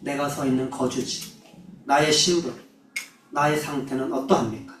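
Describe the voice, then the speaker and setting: A man's voice: medium pitch, steady tone, moderate pace, fairly bright tone, a little hiss or hum. A man preaching a sermon as a missionary, telling a personal story earnestly and then closing with solemn exhortation. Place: church hall. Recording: roomy echo, mic at a distance.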